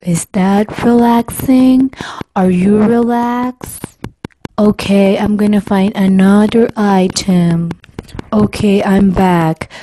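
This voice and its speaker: A woman putting on a slow coaxing ASMR voice, whispered role-play. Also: mid-range voice, steady tone, warm tone, a little hiss or hum, voice pushed down, low-quality recording. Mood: soothing. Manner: slow, drawn-out, coaxing English. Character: soothing female ASMR host, slow and coaxing.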